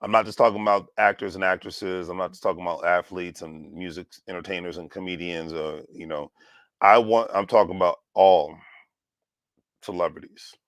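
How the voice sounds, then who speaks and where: A man's voice: deep voice, steady tone, normal speed, no room sound. A man of about forty hosting his own channel, talking in a rambling, sarcastic way and often restarting his sentences. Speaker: channel host. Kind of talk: casual vlog commentary.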